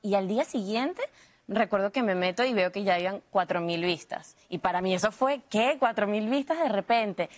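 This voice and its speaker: A young woman from Venezuela, a guest in a TV interview, talking in a lively way with fillers and restarts. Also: medium pitch, normal speed. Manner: lively, laughs often, full of fillers and restarts. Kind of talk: TV interview, switching between imitated accents.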